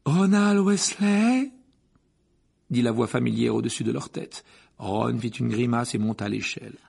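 A man narrating an audiobook in a measured, even storytelling manner. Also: lowish voice, vocal fry, slightly rough. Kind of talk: scripted narration.

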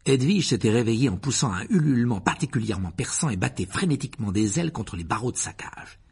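A man reading a storybook aloud as an audiobook narrator, in a measured and expressive way. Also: medium pitch, husky.

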